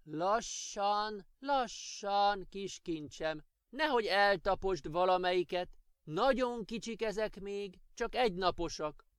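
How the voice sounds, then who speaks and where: A man voicing a gentle, patient old grandmother who soothes and explains things to her grandchild in a children's audiobook. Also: sits high, animated, clear, resonant tone, dry recording, studio quality, voice pushed up. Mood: soothing.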